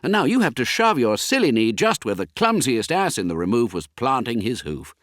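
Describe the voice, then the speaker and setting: A man voicing a worried schoolboy football captain, brisk and exasperated. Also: mid-range voice, big pitch swings, a bit bright, no room sound, studio quality.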